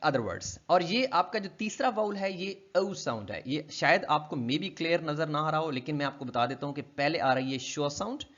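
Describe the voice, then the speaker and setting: Lecturer, male, from Pakistan: slightly high voice, asks his own questions and answers them, muffled lo-fi recording. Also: animated, normal speed, hardly any pauses, fairly bright tone. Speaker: linguistics lecturer. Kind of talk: explaining a textbook chapter in a recorded lecture.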